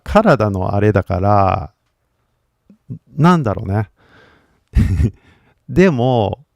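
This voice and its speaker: A man's voice: mid-range voice, gravelly, darkish tone, no echo, studio quality. A man who is a native English speaker, chatting casually on a livestream as an English teacher, rambling and switching between Japanese and English with frequent laughter.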